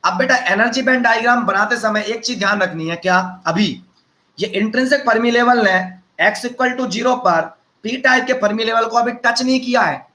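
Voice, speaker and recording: A man with a high, bright voice leads a physics lecture, joking with his students and calling them son and brother. He talks casually, firing off questions and answering them himself. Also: normal speed, rough recording. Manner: teasing, conversational, addresses students as beta and bhaiya. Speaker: teacher.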